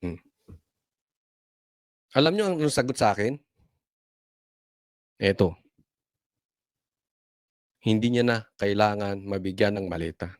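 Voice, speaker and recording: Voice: low-pitched, slow, long pauses, dry recording, studio quality. A political commentator talking casually, sarcastic and full of rhetorical questions, chuckling between points.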